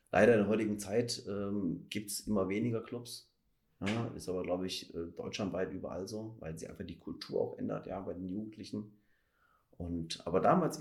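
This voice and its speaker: A man in his thirties from Germany's Ruhr area, a dentist, chats easily on a relaxed podcast. His voice is on the low side with a darkish tone, and he draws out his phrases and uses lots of fillers.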